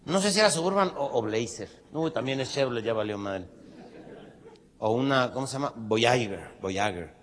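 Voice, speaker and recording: A man's voice: mid-range voice, lively intonation, moderate pace, a bit bright. A man with a Mexican accent telling a crude, slang-heavy joke as a stand-up comedian.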